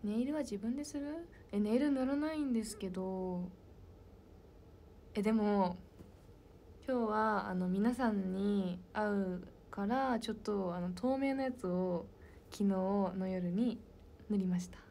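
Soft-spoken young woman chatting with fans. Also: medium pitch, a little slow, a little hiss or hum. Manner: soft-spoken and chatty, drops into whispered asides. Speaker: idol talking with fans. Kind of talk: casual chat answering fan questions.

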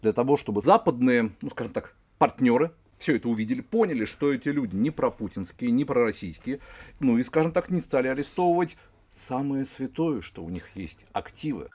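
A man's voice: mid-range voice, expressive, a little fast, darkish tone, husky. A middle-aged man hosting a panel discussion. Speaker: host. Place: small room studio, indoors. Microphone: microphone on arm.

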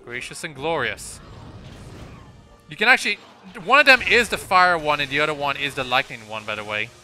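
A man's voice: a little high, lively intonation, fairly quick, bright, forceful tone. A young man giving casual, rambling gameplay commentary, often restarting his sentences and filling gaps with "uh" and "like". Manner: rambling, self-correcting, frequent fillers and restarts. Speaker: let's play commentator. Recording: game music playing behind.

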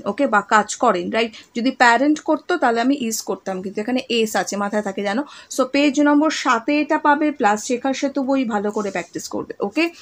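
Lady teacher, fairly high voice, reads the exercise lines out slow then explains. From West Bengal, India. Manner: patient, checks in often with "okay?" and "right?"; reads exercise sentences slowly and deliberately. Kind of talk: explaining a grammar lesson to young students.

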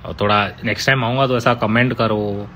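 A man's voice: lowish voice, steady tone, fairly quick, fairly bright tone, a little hiss or hum. A man, chatting casually on a live stream and answering fan comments with teasing, playful banter.

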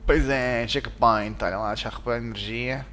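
A man with a European Portuguese accent giving excitable commentary while playing a game, yelping and shouting at scares. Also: medium pitch, moderate pace, a little hiss or hum. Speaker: let's play gamer. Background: game music.

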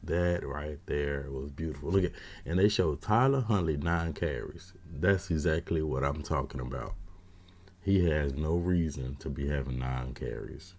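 A man's voice: very deep voice, normal speed. A man in his thirties giving casual, opinionated postgame football commentary from a small room at home on a webcam, with lots of slang and fillers. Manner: opinionated, gets loud and exasperated when ranting. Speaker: sports fan commentator.

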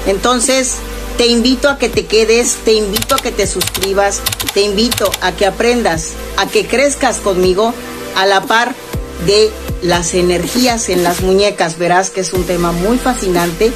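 Slow, earnest woman with music underneath. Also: mid-range voice. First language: Spanish. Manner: slow, earnest, inviting address to the viewer. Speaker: paranormal vlogger. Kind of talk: casual vlog narration. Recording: clear music playing under the voice.

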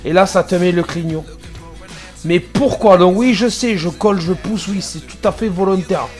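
A man's voice: high voice, moderate pace, a little mellow, faint music behind. A man, a truck driver, commenting casually and sarcastically on dashcam clips, exasperated at other drivers.

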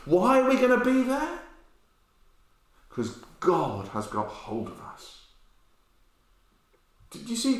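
Echoey, slow-preaching middle-aged man. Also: high voice. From England. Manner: animated storytelling with gestures, swings between loud and hushed. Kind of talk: sermon. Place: bare-walled room indoors, with a sign language interpreter beside him. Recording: very echoey room.

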